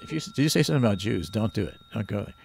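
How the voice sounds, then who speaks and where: A man's voice: fairly low pitch, expressive, racing, gravelly, a little mellow, slight background noise. A man hosting a radio quiz show, teasing the caller with dry wisecracks. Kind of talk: joking quiz banter.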